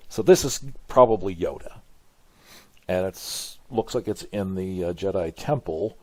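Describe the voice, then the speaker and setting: An older man's low, slightly mellow voice moves at a measured pace as he reacts casually to a game trailer, musing in a hesitant, grandfatherly manner. The trailer's music runs behind him, with no room sound.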